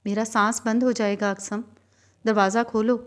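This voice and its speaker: A woman voicing a frightened young woman locked in a wardrobe, pleading and shouting for someone to open the door. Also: mid-range voice, natural voice. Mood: panicked. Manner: pleading then shouting in panic.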